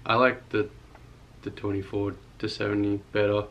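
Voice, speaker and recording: A young man co-hosting a casual question-and-answer chat with his wife, relaxed and easygoing, his speech halting with fillers. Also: lowish voice, muffled recording. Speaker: co-host of a couple's channel.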